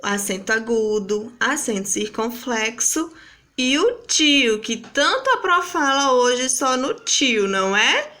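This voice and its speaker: A Brazilian woman teaching young children in a recorded lesson. She speaks slowly and patiently in a sing-song teacher's voice, set a little high. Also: big pitch swings, sharp tone. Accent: Brazilian Portuguese. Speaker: primary school teacher.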